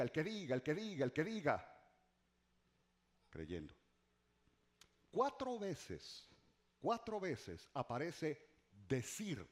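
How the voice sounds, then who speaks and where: A middle-aged man preaching a sermon as pastor, repeating key words for effect, dropping to a hush and rising again, with humorous asides to his congregation. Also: a little high. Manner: preaching with dramatic repetition and swings from loud to hushed.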